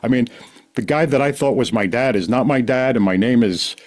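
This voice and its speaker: This podcast guest, a man in his sixties from the Bronx in New York City, speaks briskly at a medium pitch. He tells his story conversationally, rambling and cutting himself off as he goes.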